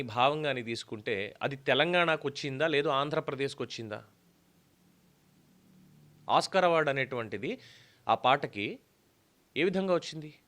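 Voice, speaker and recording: A man's voice: mid-range voice, a bit bright. A man delivering an opinion commentary, arguing emphatically with rhetorical questions. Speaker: political commentator.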